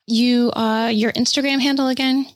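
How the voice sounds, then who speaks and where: A woman's voice: a little high, fairly even intonation, normal speed, no echo, clean studio sound. A woman podcast host chatting casually and informally, with appreciative responses. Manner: informal, appreciative, short reactions. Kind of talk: casual interview chat.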